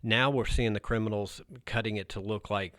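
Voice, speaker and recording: A man's voice: lowish voice, fairly even intonation, moderate pace, fairly bright tone, no room sound. A man who works as a narcotics officer gives blunt, emphatic advice in a podcast interview, often restarting his sentences.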